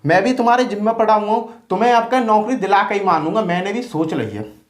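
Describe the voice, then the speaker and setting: A man teaching exam math tricks in a loud, colloquial, playful coaching style, standing at a board. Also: high-pitched, animated, quick pace. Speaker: math teacher for police exams. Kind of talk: energetic coaching lesson. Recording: echoey room.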